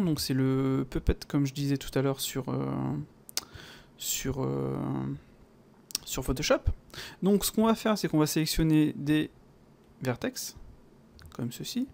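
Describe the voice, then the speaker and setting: A man with a French accent talking through a software tutorial in a casual, chatty way, full of fillers and little sound words. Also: a little high, vocal fry. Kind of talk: casual screen-recorded tutorial.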